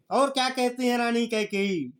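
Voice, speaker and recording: A male teacher giving a poetry lesson, reciting verse lines slowly and then explaining them in plain words, calling his listeners brother. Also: very high-pitched. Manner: addresses listeners familiarly as brother.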